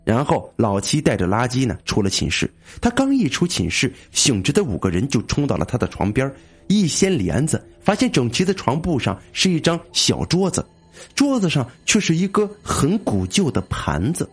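Husky, lively male storyteller. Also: medium pitch, normal speed, faint music behind. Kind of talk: comic ghost story narration.

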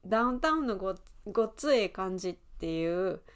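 A woman in her thirties with an Osaka accent, hosting a podcast lesson and explaining words in an easygoing way with fillers and soft laughs. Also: medium pitch, lively intonation, fairly quick. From Osaka, Japan. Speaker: Japanese teacher and podcast host.

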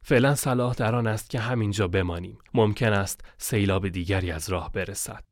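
A man's voice: on the low side, no room sound, studio quality, close to an everyday voice. A male storyteller voicing a carefree grown man who guides a desert caravan and respectfully calls the narrator sir. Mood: calm.

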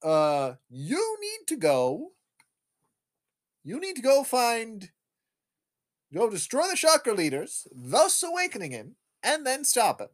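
A speaker acting out an older male scientist who gives hurried, stammering instructions while recapping a film. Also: medium pitch, huge pitch swings, pitched above the performer's own voice. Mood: urgent.

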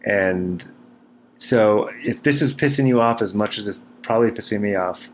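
A man's voice: lowish voice, moderate pace. A man hosting a solo podcast from a cabin, rambling casually in a dry, self-deprecating way. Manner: self-deprecating, dryly wry. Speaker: podcast host. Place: small cabin kitchen in the mountains. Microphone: recording into a computer. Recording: noisy cabin room recording.

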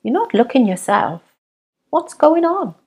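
A woman voicing a petite older nurse who speaks calmly and softly with concern. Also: high voice, unhurried, voice pushed up. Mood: gentle concern. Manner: calm, soft and concerned.

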